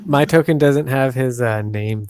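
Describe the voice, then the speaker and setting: A man's voice: mid-range voice, unhurried, background noise. A man playing a tabletop game, chatting casually and joking. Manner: laughs often, joking. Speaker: player. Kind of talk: casual chat.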